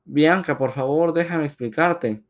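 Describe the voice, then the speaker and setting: A man's voice: a little high, unhurried, pitched above the performer's own voice, natural voice. A man voicing a middle-aged father who is caught cheating and begs his wife to stay. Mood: pleading. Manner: pleading.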